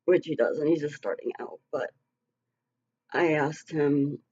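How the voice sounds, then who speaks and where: A woman's voice: sits low, a little slow, a little mellow, slightly rough, dull audio. A middle-aged woman talking earnestly and emotionally to her online community in a casual, rambling vlog. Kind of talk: casual heartfelt vlog talk.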